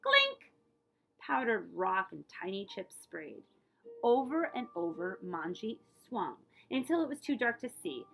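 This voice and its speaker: Poor audio captures a woman with a gravelly, mid-range voice reading a picture book a little slowly, much like a librarian. She stresses key words dramatically, performs expressively and stops for explanatory asides.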